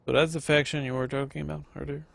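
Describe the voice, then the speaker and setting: Fast and creaky, this man's voice sits fairly high with a level, fairly bright tone and no echo. He's a gaming video host in his thirties with a Quebec French accent, rambling through casual let's-play commentary on a strategy game and chatting with viewers, full of fillers.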